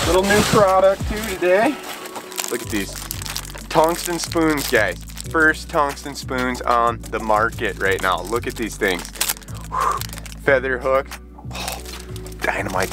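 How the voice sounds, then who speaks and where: An excitable man in his thirties, filming his own fishing trip with a camera held at arm's length. He talks casually, hyped up, outdoors on a lake, with music playing behind him. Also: a little high. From Minnesota. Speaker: fishing vlogger. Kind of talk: casual outdoor vlog talk. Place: outdoors by a lake, then in a small boat on open water. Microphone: camera mic, handheld at arm's length then on a mount.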